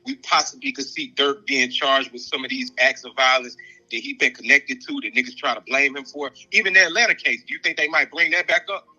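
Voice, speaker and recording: A man's voice: mid-range voice, a little fast, pushed and bright, highs cut off. A man in a casual online audio chat, asking probing questions and repeating them.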